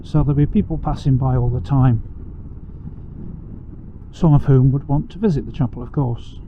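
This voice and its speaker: Man talking inside a motorcycle helmet. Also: mid-range voice. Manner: chatty, unhurried, tour-guide explaining. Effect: muffled inside a motorcycle helmet. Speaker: motorcycle vlogger giving a ride tour. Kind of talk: casual rambling travel commentary while riding. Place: outdoors, riding a motorcycle on country roads. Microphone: microphone inside a helmet. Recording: dull helmet-mic sound with engine and wind noise. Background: motorcycle engine and road noise.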